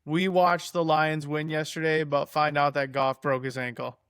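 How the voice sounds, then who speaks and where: A man co-hosting a sports podcast in casual chat, sarcastic and quick to react to the game he watches. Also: a little high, little pitch movement, a bit bright, clean tone, dry recording, clean studio sound. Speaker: podcast co-host.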